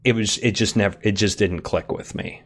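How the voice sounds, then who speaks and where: A man's voice: lowish voice, steady tone, a little fast. A man hosting a casual fan podcast, moderating the discussion with jokes and frequent restarts. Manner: joking, loosely moderating, many restarts.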